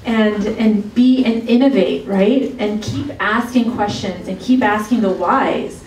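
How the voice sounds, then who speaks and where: A woman's voice: medium pitch, unhurried, darkish tone, a little hiss or hum. A woman moderating a summit and introducing speakers, rambling with many restarts. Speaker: event moderator. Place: college event hall. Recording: roomy hall, mic far off.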